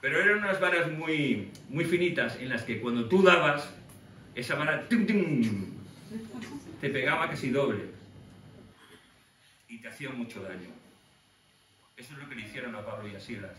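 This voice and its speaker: A man preaching a lively sermon, telling the story with animated acted-out voices. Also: medium pitch, distant mic. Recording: echoey room from afar with faint noise.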